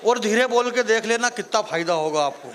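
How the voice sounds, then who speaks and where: A man's voice: high voice, expressive, brisk, slight background noise. A man from Rajasthan, a comic poet joking with a live audience from the stage and then declaiming verse. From Marwar, Rajasthan. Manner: jokey banter with the audience, rising into declaiming verse. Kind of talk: live stand-up poetry recital.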